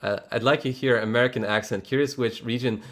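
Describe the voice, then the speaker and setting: Speaking fairly quickly, this Polish-accented man has a mid-range, slightly bright voice with fairly even intonation. He grew up speaking Polish in Poland and hosts a laid-back livestream chat, rambling, restarting, laughing often, and being frank and chatty with mild swearing.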